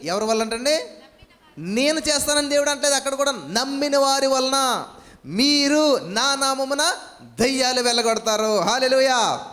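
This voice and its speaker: Male pastor, high voice, fervent sermon delivery with constant rhetorical questions, recorded in a long-reverb hall. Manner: shouted commands when casting out.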